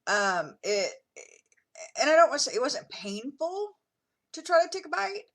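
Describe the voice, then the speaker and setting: A woman's voice: high voice, big pitch swings, moderate pace, fairly bright tone. A middle-aged woman chatting casually in a video diary, with many fillers and restarts, sometimes talking while she eats. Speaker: vlogger.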